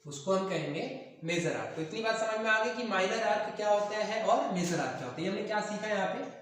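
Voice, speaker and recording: A man's voice: high-pitched, fairly quick, fairly bright tone, a little hiss or hum. A male math teacher lecturing at a board, asking the class questions and answering them himself, and mixing English math terms into his talk. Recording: very echoey room, mic far off.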